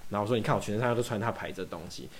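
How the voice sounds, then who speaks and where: A young man from Taiwan, a podcast guest, tells a long story in casual conversation, voicing both sides of every exchange. His voice sits lowish and comes out rapid-fire.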